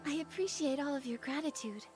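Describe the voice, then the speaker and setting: A woman voicing a gentle, earnest young heroine in a video game, speaking sweetly and sincerely. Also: high-pitched, fairly quick, soft background music, lightly acted. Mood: grateful, earnest. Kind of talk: scripted video game dialogue.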